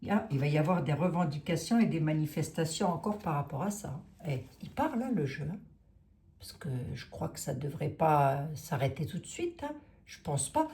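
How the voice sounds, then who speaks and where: A woman with a Lorraine French accent reads tarot in a casual, musing way, her pitch rising and falling a lot as she thinks aloud. Her voice is mellow and fairly low, and the room gives it a noticeable echo. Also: lively intonation, moderate pace. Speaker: tarot reader. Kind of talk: casual tarot reading livestream.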